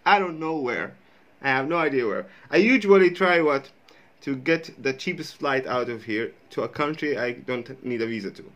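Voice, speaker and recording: This reaction vlogger, a native Arabic speaker in his thirties with an Arabic accent, has an expressive, slightly bright mid-range voice and a moderate pace. He chats loosely, rambling and swearing casually, recorded through a wired earphone mic in a small indoor room with a sheet hung behind.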